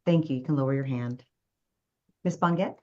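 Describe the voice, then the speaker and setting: A woman's voice: rumbling low, darkish tone. Woman judge on a dull courtroom recording. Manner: measured, formal, procedural. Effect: courtroom recording played back. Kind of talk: formal courtroom proceedings.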